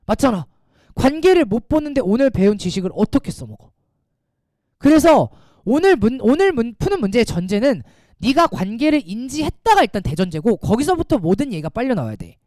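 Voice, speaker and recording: A man teaching a math class, talking casually and quizzing his students with quick rhetorical questions. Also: extremely high pitch, sing-song, a little mellow, dry recording, studio quality. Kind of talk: classroom lecture.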